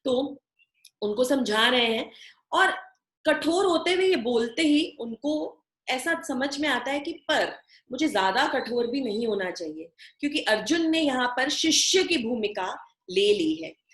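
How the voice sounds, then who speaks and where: A woman with a fairly high voice gives a devotional scripture lecture. She explains patiently, repeating key phrases for her listeners. The sound carries a noticeable echo of the room around her. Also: animated, a bit bright. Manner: explains slowly with repetition, chants Sanskrit verses. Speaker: scripture teacher.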